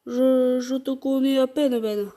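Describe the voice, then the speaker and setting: A woman voicing a young neighbor girl in a gruff deep voice with a southern French accent, halting at the start of lines. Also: steady tone, mellow. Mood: shy.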